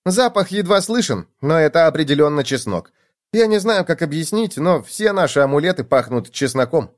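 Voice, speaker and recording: Brief: man doing a high, chirpy, talkative storybook gopher with a lively voice. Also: moderate pace, natural voice. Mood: chatty. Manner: bright, chatty, raised pitch. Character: cheerful talkative young male gopher. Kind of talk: storybook reading.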